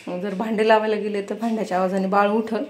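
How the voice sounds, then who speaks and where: A woman's voice: medium pitch, flat delivery, fast talker. A young woman with a Marathi accent vlogging at home, coaxing her toddler in a sing-song voice and chatting to camera. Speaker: vlogger and mother. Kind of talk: casual home vlog, talking to a baby.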